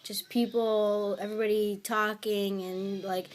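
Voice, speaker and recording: A young woman with a mid-pitched voice asks questions in a casual interview. She is informal and enthusiastic, chatting loosely with plenty of filler words. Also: little pitch movement, a little slow. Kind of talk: casual chat.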